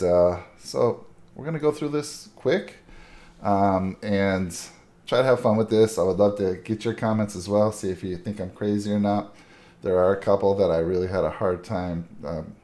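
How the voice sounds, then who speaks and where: A man's voice: lowish voice, mellow. A middle-aged man from Buffalo, New York, hosting his channel in a chatty, rambling way with many fillers. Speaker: channel host. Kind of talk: casual chat to camera. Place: Southern California. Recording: echoey room.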